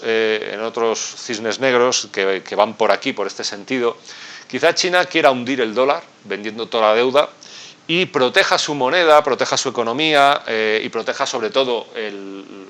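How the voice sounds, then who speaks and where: Bright-voiced Spanish business explainer. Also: male voice, medium pitch. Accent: Spain Spanish. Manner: explains step by step, addresses viewer directly with tag questions. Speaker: business expert and investment channel host. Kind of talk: explanatory talk to camera.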